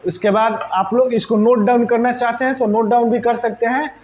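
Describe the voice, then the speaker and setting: A man's voice: very high-pitched, steady tone, darkish tone, highs cut off, slight background noise. Bihari-accented male teacher lecturing a class. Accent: Bihari Hindi. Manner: explains terms slowly, checks in with "right?". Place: classroom with students present.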